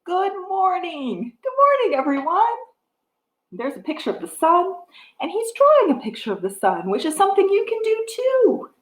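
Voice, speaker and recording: Animated, high-pitched woman reading to toddlers. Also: moderate pace. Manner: animated, sing-song, simple questions to small children. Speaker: children's storytime host. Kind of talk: reading a picture book aloud to toddlers, with sing-along and chat. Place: wood-floored living room with a piano, indoors. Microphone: webcam or device mic at about arm's length. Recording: echoey room, device microphone.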